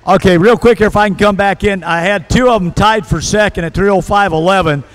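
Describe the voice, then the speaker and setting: High-pitched male tractor pull announcer. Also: brisk. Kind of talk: live tractor pull commentary.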